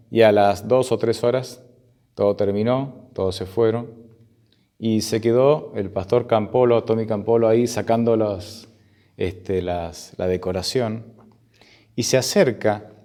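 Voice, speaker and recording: Un pastor con acento argentino que cuenta una historia en un sermón, en tono conversacional y con muletillas. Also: male voice, on the low side, mellow. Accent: Argentine Spanish. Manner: conversational, many fillers, acts out the quotes. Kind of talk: sermon storytelling.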